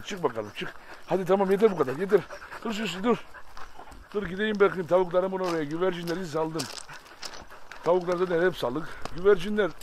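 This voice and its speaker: A man's voice: fairly high pitch, a little hiss or hum. A man chatting casually to viewers while tending and coaxing his animals outdoors by a chicken coop, by turns fond and scolding. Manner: coaxing pet talk, scolding outbursts. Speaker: vlogger feeding his animals. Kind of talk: casual farm vlog chat to viewers. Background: rooster and chickens, birds.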